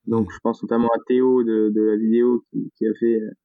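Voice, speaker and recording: A man's voice: fairly low pitch, level tone, brisk, dry recording. A man with a Toulouse accent, chatting as a podcast guest, hesitant with many fillers. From Toulouse, France. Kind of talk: casual podcast chat. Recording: tinny phone-like line.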